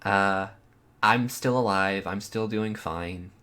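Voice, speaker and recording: A man with a squeaky, chipmunk-like voice, chatting casually and giggling as he introduces a reading. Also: slow, pushed and bright, clear, resonant tone. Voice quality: high-pitched, squeaky "chipmunk" voice. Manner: giggly, breaking into laughter. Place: bedroom.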